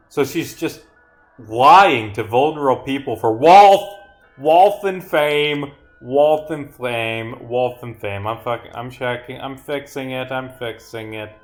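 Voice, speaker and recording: A man with a mid-range voice live-streams his own game, reading the dialogue aloud and rambling as he thinks out loud. He swears now and then.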